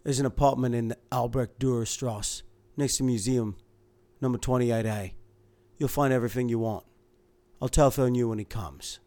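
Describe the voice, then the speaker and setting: A man's voice: medium pitch, expressive, normal speed, hardly any pauses, a little mellow, pitched above the performer's own voice, close to an everyday voice. A man playing a curt, weary thriller hero. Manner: clipped, curt. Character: terse, weary man in a Cold War thriller.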